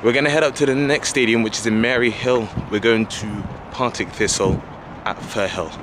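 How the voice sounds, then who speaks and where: Filming on a handheld camera at arm's length, a travel vlogger in his twenties narrates his walk through the city in a casual, enthusiastic way. His voice is fairly low and steady at a moderate pace, with loud street traffic all around.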